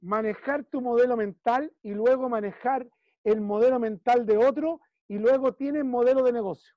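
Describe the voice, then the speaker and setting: A man's voice: extremely high pitch, moderate pace, no room sound, phone-quality sound. A man with a Chilean accent coaching a client one-on-one, emphatic and repeating key phrases while he checks in. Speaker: business consultant.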